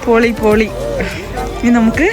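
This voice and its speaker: Excited higher-pitched woman vlogger mixing Malayalam and English. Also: measured pace. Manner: mixes English words and phrases into Malayalam. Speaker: travel vlogger. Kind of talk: casual vlog chat to viewers. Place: outdoors at a cold snowy mountain resort. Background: music.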